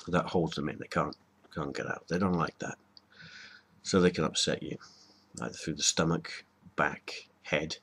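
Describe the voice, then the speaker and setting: A man's voice: a bass voice, breathy edge. A man talking in a rambling, hesitant way, with many ums and restarts, giving a casual spoken lesson to camera. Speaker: video host.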